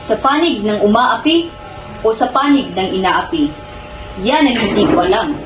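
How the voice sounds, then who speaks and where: A woman's voice: a little high, animated, lightly acted. A woman playing an earnest young male student. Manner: earnest, pleading, measured. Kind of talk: amateur student stage drama. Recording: echoey room with music behind.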